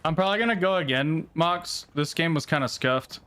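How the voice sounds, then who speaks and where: A man's voice: on the high side, a little fast, a bit bright, a little hiss or hum. A man streaming a battle royale game live, giving casual commentary in gamer slang, often swearing when frustrated.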